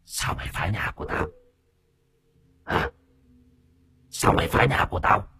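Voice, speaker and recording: A man's voice: low voice, very animated, measured pace, bright, forceful tone, breathy edge, heavily acted. A man voicing a vengeful female spirit possessing a woman, speaking in a menacing, hissing half-whisper. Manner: menacing, threatening.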